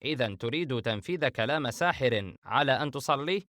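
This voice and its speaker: A stern brother who pushes his view sharply and insistently, read by a male audiobook narrator. His voice sits at a plain middle pitch. The recording is dry with no room. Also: lively intonation, brisk, fairly bright tone, no echo, natural voice. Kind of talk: audiobook character reading.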